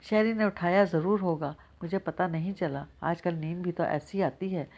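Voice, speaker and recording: A woman's voice: fairly low pitch, darkish tone. A woman reading the lines of a young newlywed wife, pleading and tearful. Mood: self-soothing.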